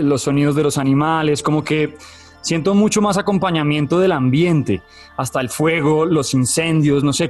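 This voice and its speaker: A man co-hosting a casual video game review chat, talking in a rambling, animated way and laughing as he goes. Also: on the high side.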